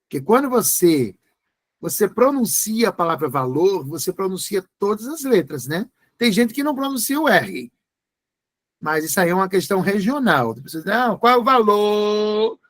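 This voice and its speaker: A man's voice: sits high, sing-song, moderate pace. A man teaching an exam-prep grammar lesson, spelling words out letter by letter.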